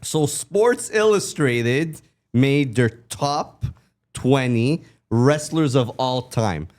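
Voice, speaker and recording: A man co-hosting a casual wrestling podcast, boasting playfully in a deadpan way. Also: mid-range voice, extremely slow. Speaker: podcast co-host. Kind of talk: casual chat.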